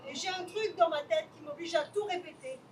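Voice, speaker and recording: A woman's voice: extremely high pitch, brisk, slight background noise. An actress playing a nervous, giggly woman who says every sentence twice, with a flustered delivery in an amateur stage play. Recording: stage voice from a distant mic.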